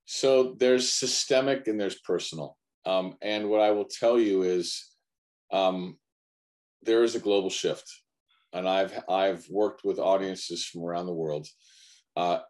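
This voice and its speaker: A man's voice: sits low, fairly even intonation, measured pace, darkish tone. A man from the United States, a guest coach in a conversational interview, speaking earnestly and repeating phrases for emphasis. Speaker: guest, men's culture coach.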